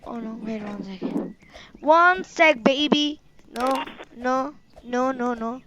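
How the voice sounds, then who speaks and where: A woman streaming a game and chatting excitedly to her viewers as she plays. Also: high voice, slow pace, dull audio, a crowd in the background. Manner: excitable, talks to viewers as "guys" and "boys". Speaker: gaming streamer. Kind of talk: casual gameplay commentary. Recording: loud game noise behind the voice. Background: loud car and engine game sounds.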